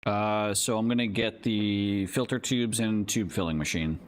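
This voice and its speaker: A man's voice: on the low side, steady tone, a little slow. A young man streaming a game, chatting casually with a friend, swearing and laughing easily. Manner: laughing, loose, swears a lot. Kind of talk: casual gaming chat. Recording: faint background noise.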